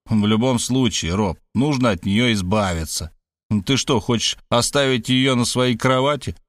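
A man's voice: mid-range voice, dry recording, studio quality, natural voice. A man voicing a brash, cynical male friend with crude, mocking talk in an audiobook. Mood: scheming. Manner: mocking, crude, fast-talking. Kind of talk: audiobook character voice.

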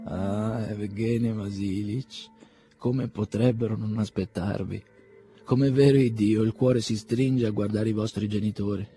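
A man's voice: fairly low pitch, steady tone, a little slow, mellow, soft background music. A man playing a fawning old servant. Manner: deferential, stammering.

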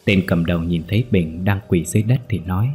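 Male horror narrator, low pitch, steady reading, faint music under him. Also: quick pace, breathy edge. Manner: steady storytelling. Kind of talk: scripted horror story narration.

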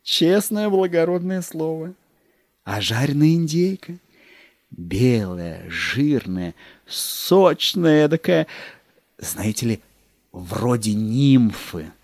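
A man's voice: high-pitched, expressive, a little slow, mellow, no room sound, studio quality, voice pushed up, exaggerated voice. A man voicing a fawning court secretary who gushes about food, with a wheedling, savoring manner and dropping into whispers. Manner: wheedling, savoring every dish, slips into whispers.

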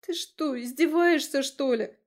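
A woman reading the part of a frightened young heroine in an audiobook, with high, tearful, exasperated outbursts. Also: unhurried.

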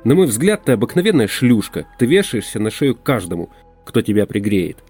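A man's voice: medium pitch, big pitch swings, normal speed, a little mellow, husky, faint music behind. A man playing an irritable, sarcastic journalist in an audiobook. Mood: angry. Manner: curt, sarcastic. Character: irritable modern male journalist.

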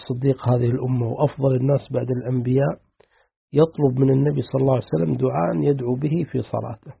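A man, a sheikh, calmly explaining hadith to a class and checking that they follow. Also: mid-range voice. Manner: calm, explanatory, asks the class "clear?". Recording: tinny lo-fi lesson recording.

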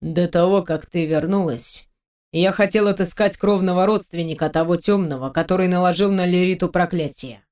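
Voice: medium pitch, unhurried, close to an everyday voice. A reader voicing a cunning male mage lord. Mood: curt. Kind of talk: audiobook character voice.

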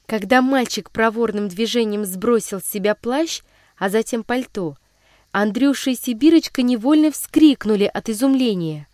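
A woman's voice: medium pitch, dry recording, studio quality. Woman reading a storybook aloud. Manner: measured, expressive reading. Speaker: narrator. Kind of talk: scripted storybook narration.

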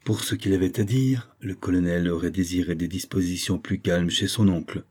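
A man narrating a classic novel in a measured, expressive reading. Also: deep voice, husky. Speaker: audiobook narrator. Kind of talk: literary audiobook narration.

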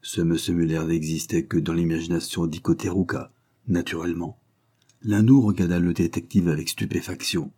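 Deep, husky male audiobook narrator. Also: fairly even intonation, normal speed, mellow. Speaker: audiobook reader.

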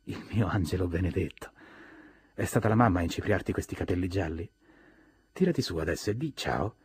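A man's voice: sits low, lively intonation, fast talker, breathy edge, heavily acted. A man voicing a flighty, doting young wealthy woman who speaks in a cooing, sing-song way.

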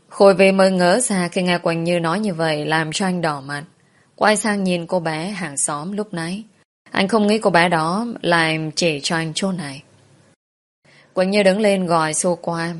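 Woman narrating a story, lowish voice. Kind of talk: first-person story narration.

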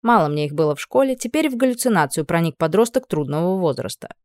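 A woman's voice: lowish voice, animated, quick pace, darkish tone, no echo. A woman reading a first-person story aloud in a dry, ironic way. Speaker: audiobook narrator. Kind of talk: scripted narration.

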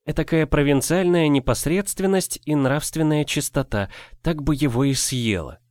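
A man's voice: a little high, normal speed, a little mellow, no echo, clean studio sound, pitched above the performer's own voice, natural voice. A man voicing a purring coquettish young wife. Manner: purring, playful, affected. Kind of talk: audiobook character voicing.

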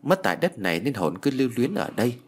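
A man giving a dramatic, lively scripted narration of a first-person ghost story. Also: mid-range voice, quick pace, slightly rough.

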